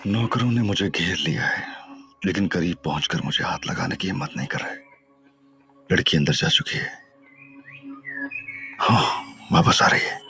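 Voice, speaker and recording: Actor as an eccentric young sleuth; deadpan, mid-pitched, playful. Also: male voice, moderate pace, long pauses, faint music behind, exaggerated voice. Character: eccentric, cheeky young male detective. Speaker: first-person narrator.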